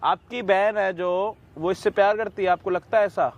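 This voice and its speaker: A man's voice: high-pitched, steady tone, moderate pace, lo-fi sound. A man hosting a staged social experiment video, questioning people insistently and probingly in a park. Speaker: YouTube host intervening. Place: outdoors in a park.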